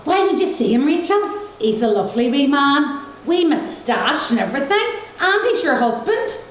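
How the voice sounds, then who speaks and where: A sympathetic, scatterbrained Northern Irish friend, played by a woman, naive and high-pitched. She is acting in a stage farce in a very echoey space. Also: sing-song, moderate pace. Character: naive, soft-hearted, scatterbrained female friend. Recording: very echoey stage, faint noise.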